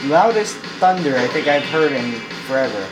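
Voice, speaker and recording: A young man giving casual, excitable, rambling commentary on a game he is playing. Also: on the high side, moderate pace, poor audio. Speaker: gameplay commentator. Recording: loud game music behind.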